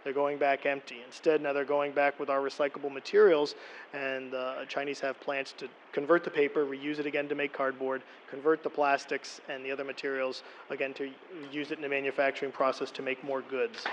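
A middle-aged borough official stands at a podium microphone in a council meeting room, briskly walking the council through figures in a plain, explanatory public presentation. His pitch stays fairly flat, and he often says "um" and restarts. The rough recording carries faint room ambience and a little hiss or hum.

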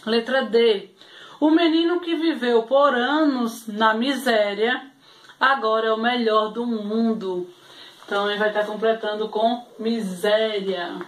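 A woman teacher with a Brazilian Portuguese accent leads a remote class for young children. Her voice sits fairly high, and she moves slowly and patiently, repeating each point and checking in with her pupils again and again. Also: fairly even intonation. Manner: patient, repetitive, keeps checking in with "né?". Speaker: primary school teacher.

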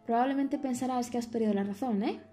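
A woman's voice: a little high, fast talker, dark tone, soft background music, close to an everyday voice. A woman voicing squealing gossipy sea waves. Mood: mocking. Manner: squealing, melodramatic, chattering. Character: pair of mocking, gossipy, theatrical sea waves. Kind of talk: audiobook character voice.

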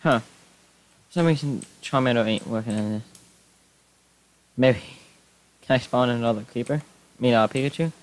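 A young man giving casual gameplay commentary, excitable, yelping when things go wrong. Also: medium pitch, normal speed, long pauses. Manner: excitable, yelps and shouts when startled. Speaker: Minecraft YouTuber.

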